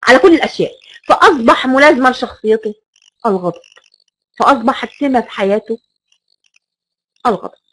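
A woman's voice: high voice, a bit bright, husky, rough recording. A woman with an Egyptian Arabic accent giving a recorded lecture, stressing key words and repeating rhetorical questions.

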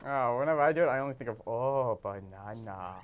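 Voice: medium pitch, steady tone, rapid-fire. A host of a gaming show chatting casually while playing, laughing often and quoting cartoon lines. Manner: giggly, quotes cartoon lines in put-on voices. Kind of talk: casual let's-play banter.

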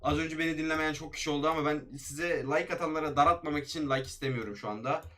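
Fast hyped-up young gamer man. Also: a little high. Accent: Turkish.

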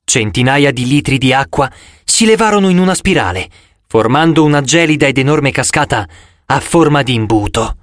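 Expressive male audiobook narrator. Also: mid-range voice, moderate pace, dry recording, studio quality. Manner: expressive, dramatic reading. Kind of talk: scripted first-person narration.

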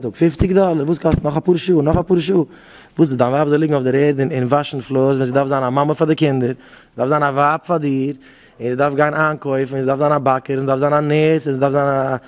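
A fairly high-voiced man gives an informal lecture as a rabbi teaching young married men. He keeps pressing his listeners with rhetorical questions and hammers his points home by saying phrases again and again. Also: a little mellow. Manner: fires repeated rhetorical questions; repeats phrases for emphasis.

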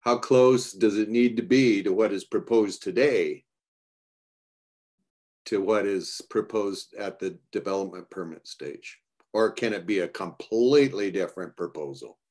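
An older man, a city councillor, asking deliberate probing questions on a video call. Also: fairly low pitch, darkish tone. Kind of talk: formal meeting questions.

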